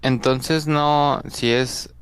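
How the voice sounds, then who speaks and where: A man's voice: mid-range voice, fairly even intonation, drawn-out words, a bit bright, smooth, dry recording. A man, a student in a pronunciation class, asking hesitant questions and unsure of his answers.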